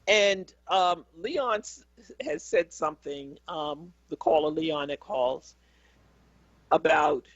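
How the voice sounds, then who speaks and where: A woman talk-radio host speaks slowly and deliberately, with a gravelly, husky voice and pauses with ums. The sound is dry and slightly dull, like a close studio mic. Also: fairly low pitch, no echo.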